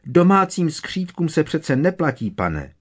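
A man doing a squeaky, timid female house-elf. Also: very animated. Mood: anxious. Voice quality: squeaky, trembling. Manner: fearful, deferential, keeps saying sir.

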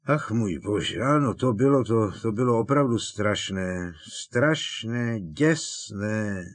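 A man voicing an elderly, fussy and sentimental potions teacher in an audiobook, talking in halting, emotional bursts. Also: fairly low pitch, animated, dry recording. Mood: maudlin.

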